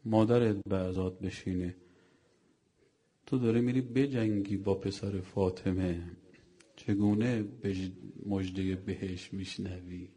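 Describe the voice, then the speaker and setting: A man's voice: low-pitched, steady tone, pauses often, dark tone, slightly rough. A man preacher voicing a repentant male warrior who tells his master of his change of heart, in an earnest, confessional tone. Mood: earnest, pleading.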